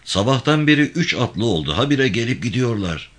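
A man's voice: medium pitch, big pitch swings, normal speed, fairly bright tone, voice pushed up. A man voicing a young servant who chattily passes on village gossip to his master. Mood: reporting. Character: loyal young farmhand, eager to report.

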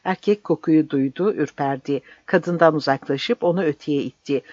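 An audiobook narrator reading a dramatic novel in an intense, measured way, on a dry, slightly dull recording. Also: mid-range voice, a little mellow, dry recording.

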